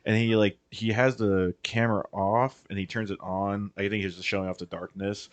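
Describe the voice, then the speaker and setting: A man's voice: lowish voice, flat delivery, normal speed, no echo, dull audio. A man co-hosting a podcast, chatting casually in a rambling way, full of fillers and swearing. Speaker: podcast co-host. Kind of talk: casual chat.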